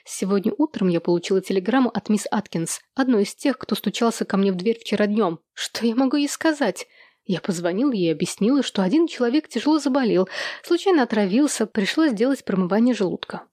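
A woman reading an audiobook, voicing a prim, hysterical middle-aged woman who complains in a shrill, sobbing way. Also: animated, fairly quick, a little mellow, dry recording, studio quality, lightly acted. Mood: anxious.

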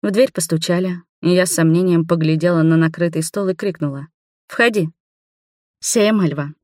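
A woman calmly narrating a first-person audiobook on a close mic. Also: lowish voice, fast talker, dry recording. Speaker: audiobook reader.

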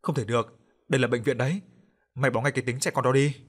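A man voicing a young woman, a blunt and talkative best friend who scolds briskly. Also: mid-range voice, steady tone, natural voice.

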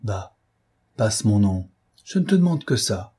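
A man playing a fierce, commanding gentleman thief in an audiobook, speaking urgently and imperiously. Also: on the low side, big pitch swings, a little slow, breathy edge, heavily acted.

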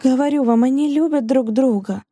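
A woman voicing a fiery, sharp-tongued young woman who answers back defiantly in an audiobook. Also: sits high, no echo, studio quality, pitched above the performer's own voice. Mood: indignant. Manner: defiant, quick-tempered retorts. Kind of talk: audiobook character reading.

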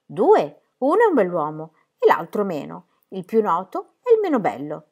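A woman's voice: mid-range voice, wildly swooping pitch, normal speed, darkish tone, muffled recording. A woman reading an audiobook, voicing a weary but good-humoured young man who teases as he plays cards. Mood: teasing. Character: weary, fond young man, card player.

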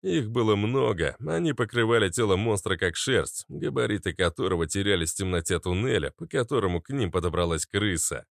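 Male narrator, low voice, even measured reading, dry close mic. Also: gravelly, no room sound. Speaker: audiobook narrator. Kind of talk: scripted narration.

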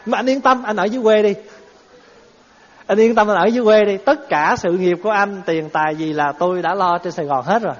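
A man doing a coaxing, smooth-talking swindler friend, high-pitched, in a dull echoey hall. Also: fairly quick. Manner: coaxing, reassuring.

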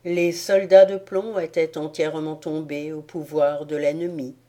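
A woman reading an audiobook tale in a measured storytelling manner. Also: low-pitched, level tone, warm tone. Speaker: audiobook reader. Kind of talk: scripted narration.

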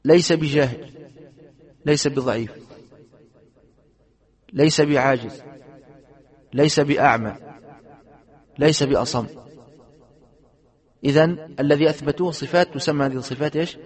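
A man's voice: fairly high pitch, moderate pace, long pauses, slightly rough. A man, a sheikh, teaching a classroom lesson on Islamic creed. He reads a passage aloud, explains it, and keeps asking his students rhetorical questions. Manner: asks the students rhetorical questions and checks they understand.

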